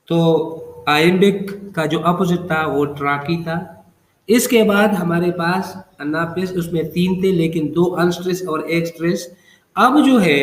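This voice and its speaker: A man's voice: fairly high pitch, reverberant. A man teaching English poetry in a classroom lecture, patiently repeating terms and checking in often. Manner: patient, repetitive teaching with frequent check-ins. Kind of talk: classroom lecture explaining poetic feet.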